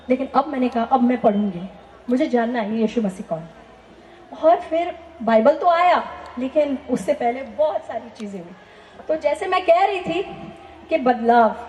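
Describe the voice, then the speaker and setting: A woman with a high-pitched voice shares her personal testimony at a church gathering. She tells her story earnestly and turns to the listeners with rhetorical questions. The recording is echoey and dull, with a faint hiss underneath. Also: darkish tone. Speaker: testimony speaker.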